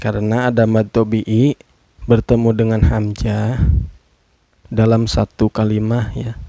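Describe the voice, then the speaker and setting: A man's voice: fairly low pitch, completely flat delivery, a little slow, gravelly, mellow, dry recording. A man teaching Quran recitation rules, patiently spelling out each rule and stretching words to demonstrate. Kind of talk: tajwid lesson with slow demonstrative recitation.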